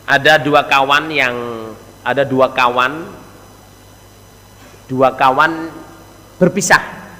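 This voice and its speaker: Folksy Javanese-accented preacher in a hall. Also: male voice, slow pace, long pauses, pushed and bright. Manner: folksy, acts out quoted characters with shifting pitch. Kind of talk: sermon storytelling.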